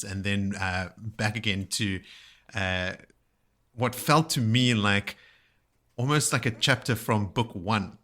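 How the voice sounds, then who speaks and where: Bright-voiced man hosting a podcast. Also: on the low side. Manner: enthusiastic, recaps at length with fillers. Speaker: podcast host. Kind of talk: casual podcast chat.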